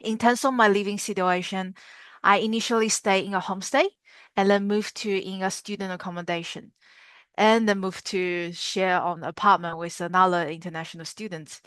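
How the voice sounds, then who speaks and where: A woman's voice: mid-range voice, steady tone, normal speed, a bit bright, clear, resonant tone, no room sound. Earnest young woman from China, dry sound. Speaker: psychologist. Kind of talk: calm interview recollection.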